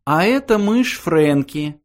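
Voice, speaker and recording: A man voicing a brisk, self-assured young woman. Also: a little high, expressive, voice pushed up. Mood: introducing.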